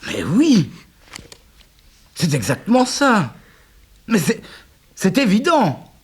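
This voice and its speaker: Radio-play magistrate: measured and soothing, slightly husky, expressive. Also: male voice, high voice, exaggerated voice. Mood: astonished. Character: composed male examining magistrate, curious and skeptical. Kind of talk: 1980s radio drama acting.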